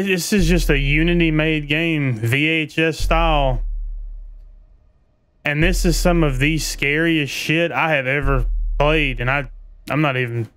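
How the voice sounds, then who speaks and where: A man's voice: on the high side, pushed and bright, clear, resonant tone. A man doing casual live commentary as a scared horror game streamer, muttering uneasy reactions into a desk microphone. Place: indoor streaming room. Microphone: boom microphone at a desk, headphones.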